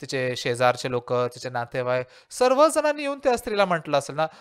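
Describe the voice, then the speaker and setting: A man's voice: medium pitch, a little fast, clean tone. A male pastor preaching a sermon and asking his listeners rhetorical questions.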